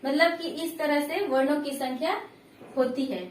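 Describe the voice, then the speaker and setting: A woman's voice: sits high, normal speed, reverberant, far from the mic. A woman teaching a lesson, patiently repeating points and checking that her students follow. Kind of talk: classroom lesson.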